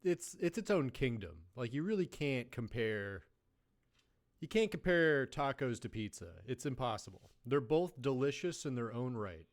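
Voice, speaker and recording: A man's voice: medium pitch, expressive, moderate pace. A young man live streaming, chatting casually and joking, tossing in playful Spanish phrases.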